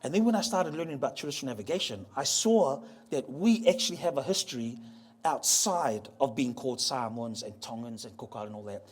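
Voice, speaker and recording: A man with a medium-pitched, expressive, slightly breathy voice gives a playful public talk on ocean voyaging heritage at a museum venue. Joking with the live audience, he slowly spells out how words sound and has the crowd repeat them.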